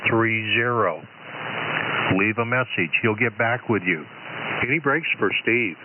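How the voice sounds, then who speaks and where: A man's voice: lowish voice, lively intonation, a little slow. An American man running an amateur radio swap net, reading out listings and chatting with operators. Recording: shortwave ham radio, narrow band, loud static.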